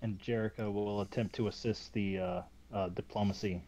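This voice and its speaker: A man playing a tabletop game, speaking politely and deliberately. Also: lowish voice, steady tone, mellow. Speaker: player.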